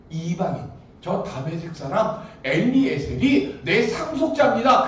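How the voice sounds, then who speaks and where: A pastor acting out an elderly man who loudly and plaintively complains that a promise is unkept. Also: very high-pitched, a little hiss or hum, voice pushed up. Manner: loud, whining protest. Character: elderly man complaining to God, exasperated and pleading. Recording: echoey hall from far off.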